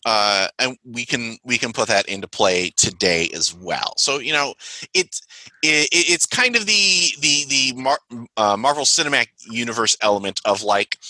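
A man's voice: mid-range voice, lively intonation, a little slow, sharp tone, no room sound, low-quality recording. A man running a tabletop role-playing session as game master, chatty and rambling with lots of fillers.

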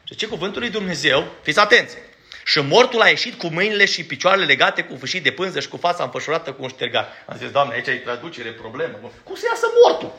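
A man preaching a sermon in a church, emphatic and blunt, asking his congregation direct questions and sometimes stumbling over his words as he rushes. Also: on the high side, sharp tone. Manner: stumbles when rushing.

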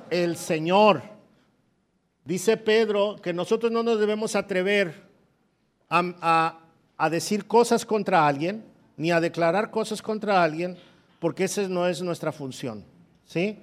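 A man's voice: high-pitched, unhurried, long pauses. A man preaching a sermon, asking his listeners questions and reading scripture aloud with force. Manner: asks the congregation direct questions.

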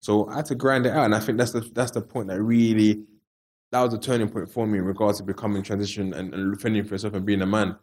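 Low-voiced London roadman telling stories. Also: flat delivery, fast talker, darkish tone. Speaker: interview guest. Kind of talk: casual storytelling in street slang.

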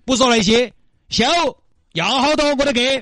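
A man's voice: very high-pitched, normal speed, a bit bright, no echo. A man playing a pushy, chummy wealthy driver who insists on taking the blame and keeps calling the other man brother. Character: brash wealthy male Audi driver, pushy and generous. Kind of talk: comedy skit.

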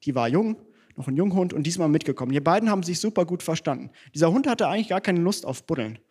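A man's voice: fairly high pitch, expressive, fast talker, darkish tone, husky. A man preaching a sermon in church, conversational and self-deprecating, mixing teaching with personal stories.

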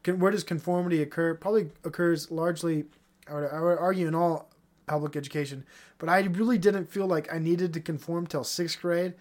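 A man's voice: on the high side, fairly even intonation, a little fast, a little mellow. A young man hosting a solo podcast, ranting in a profane, heated way, then trailing off into mumbles. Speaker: podcast host.

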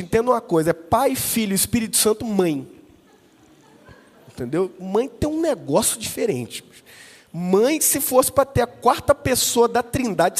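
Animated male pastor, high lively voice. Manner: animated, acts out dialogue with voices. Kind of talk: sermon with storytelling. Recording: long reverb.

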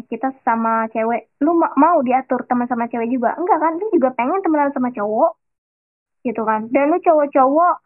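A young woman with a high voice hosts a casual solo podcast, chatting in loose slang and talking right to her listeners. The sound is thin and tinny, like it came through a phone line. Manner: chatty slangy storytelling, addresses listeners directly. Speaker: podcast host.

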